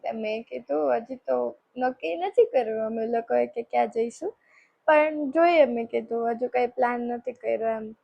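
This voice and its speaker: Chatty young woman with a gravelly, husky voice. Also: a little high, fairly even intonation, moderate pace, lo-fi sound. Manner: chatty, shy and teasing, retelling talks with family. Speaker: newly engaged woman on a phone call. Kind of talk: comic one-sided phone call skit.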